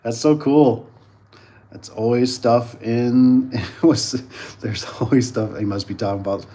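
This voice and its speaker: A man's voice: mid-range voice, steady tone, measured pace, dark tone. A man chatting casually as host of a live stream, rambling and repeating himself while reacting to viewers.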